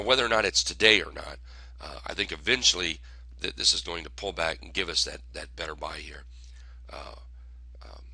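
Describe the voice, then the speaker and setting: Hoarse male host, deep, bright edge, halting casual market commentary. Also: no room sound. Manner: halting, filler-heavy delivery.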